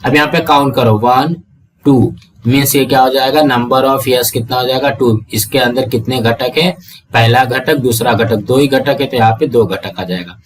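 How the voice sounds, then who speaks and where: A man's voice: medium pitch, fairly even intonation, moderate pace, far from the mic. A man with an Indian Hindi accent teaching a math lesson, asking the class rhetorical questions and counting through items one by one. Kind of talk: classroom lesson explaining worked examples.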